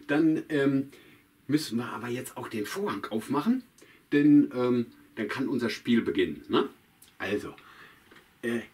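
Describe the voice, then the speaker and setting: Kasper: ein Mann spielt den fröhlichen Kasper. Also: male voice, medium pitch, a little mellow. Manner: chatty, addresses children directly, drawn out. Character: cheerful male puppet jester, chatty and playful. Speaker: puppeteer. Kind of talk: children's puppet show. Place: outdoors on a town market square. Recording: distant mic, faint guitar music.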